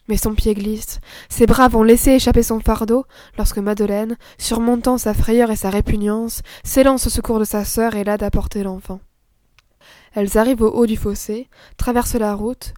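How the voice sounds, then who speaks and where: A woman reading a story aloud in a measured, expressive narration. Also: fairly high pitch, no echo, clean studio sound. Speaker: audiobook narrator. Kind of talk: scripted narration.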